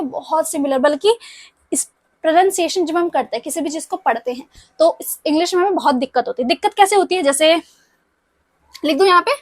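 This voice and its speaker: A woman's voice: extremely high pitch, dry recording. A young woman teaching a language lesson, explaining step by step and often checking whether her students follow.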